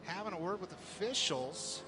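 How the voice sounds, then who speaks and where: A man's voice: sits high, animated, normal speed. A man commentating live on a sprint car race, calling it in short, clipped announcer phrases. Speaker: motorsport commentator. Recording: very loud engine and vehicle noise. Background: race cars at a speedway.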